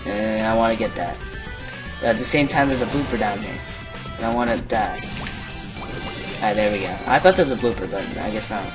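Casual joking let's play commentator. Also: male voice, lowish voice, a little fast, long pauses, music in the background, rough recording. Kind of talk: gameplay commentary.

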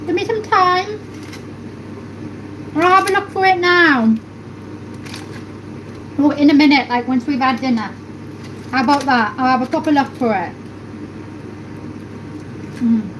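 Her voice sits high and fairly bright, unhurried and broken by frequent pauses. She's a thirtyish livestream host in a small home kitchen, chatting casually and musing aloud while carving and serving. A phone camera picks her up close, and the low-quality recording carries a little hiss or hum.

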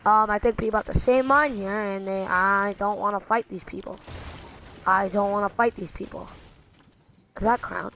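A woman giving excitable, rambling gameplay commentary, full of fillers and restarts, dropping to mutters and jumping to shrieks. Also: normal speed, a little hiss or hum, low-quality recording. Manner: excitable, swings from low muttering to sudden shrieks. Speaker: gaming channel host.

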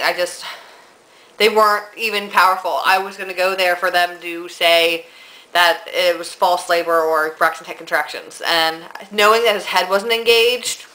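A young woman with a bright, forward voice talks casually to her camera, her nose audibly stuffed up. She is a little out of breath and rambles along with plenty of ums and likes. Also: fairly low pitch, poor audio. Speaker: vlogger. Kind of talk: casual pregnancy vlog.

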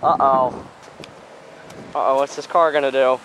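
An excitable teenage boy talks fast into a handheld camera as he wanders around. His voice is middling in pitch, and he bursts out in quick exclamations. Clear background noise from the camera runs underneath. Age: teens. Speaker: vlogger. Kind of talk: casual vlog chat. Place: outdoor parking lot and big toy store. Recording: noisy handheld camera audio.

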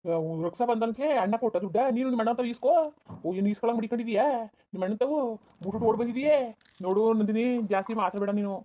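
A performer voicing a quarrelsome, quick-tempered village husband in a cartoon, with a berating manner. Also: mid-range voice, close to an everyday voice. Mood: angry berating. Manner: shouting, berating, rapid. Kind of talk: cartoon voice acting.

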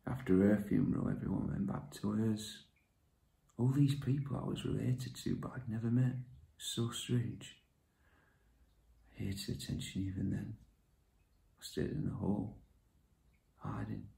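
A gravelly, low-voiced man, as an actor plays him, confides in halting bursts and sinks into whispers. His tone is dark and mellow, and the sound is echoey. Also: steady tone. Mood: confessional. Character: withdrawn man raised by his grandmother, confessional. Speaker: actor performing a monologue. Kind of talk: dramatic monologue. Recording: echoey room.

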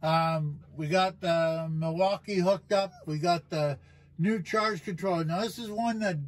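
Rambling Canadian man, high voice. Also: measured pace. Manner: rambling, joking, swears casually. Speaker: vlogger. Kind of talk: casual chat.

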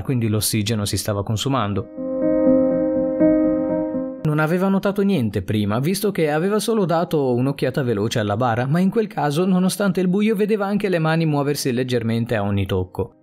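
A man narrating a suspense story in a dramatic, expressive reading. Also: mid-range voice. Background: faint music.

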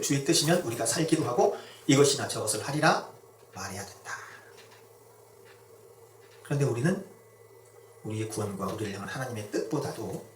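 A pastor delivering a sermon in a conversational storytelling manner, acting out quotes along the way. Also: male voice, medium pitch, a little hiss or hum. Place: church sanctuary. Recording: echoey church hall miked from a distance.

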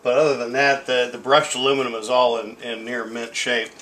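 Speaking briskly in a medium-pitched, slightly bright voice with a level tone, a middle-aged man gives a casual demonstration of a tape deck he's selling. He rambles without a script and puts himself down as he goes, in a room at home where records and tapes play music.

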